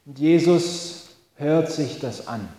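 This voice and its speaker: Male pastor, slightly higher voice, mellow tone; slow, thoughtful sermon in a reverberant church. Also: animated. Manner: slow, reflective, with long pauses.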